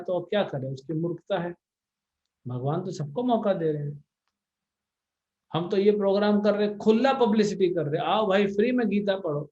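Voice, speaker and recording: On a video call with dull audio, a man whose voice is high-pitched and a little mellow answers devotees' questions as their spiritual teacher. He responds bluntly and scoldingly, mixing in English words, in a devotional Q&A discourse.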